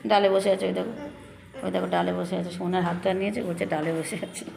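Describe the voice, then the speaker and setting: Hoarse chatty woman vlogging outdoors. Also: on the low side, fairly even intonation, fast talker. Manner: chatty, addresses viewers directly. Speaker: lifestyle vlogger. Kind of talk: casual vlog chat to viewers. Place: out and about near home and shops. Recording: loud background noise.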